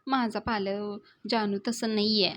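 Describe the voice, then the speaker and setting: A woman's voice: medium pitch, fairly even intonation, unhurried, fairly bright tone, lightly acted. Woman reading as a tearful lovesick young woman. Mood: lovesick pleading.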